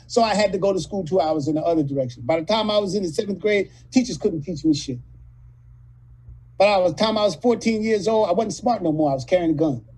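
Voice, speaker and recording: A man in his late fifties from California, telling rough, profane stories as a guest in a casual interview. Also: high voice, a little mellow, rough recording. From California, USA. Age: 50s. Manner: profane, rambling, street-talking storyteller. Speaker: actor guest.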